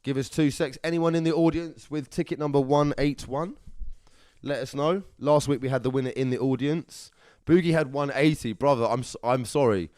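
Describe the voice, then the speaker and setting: A man's voice: mid-range voice, normal speed, darkish tone, no echo, clean studio sound. A young man, hosting a live competition draw in casual, upbeat chat, calling viewers lovelies and brother.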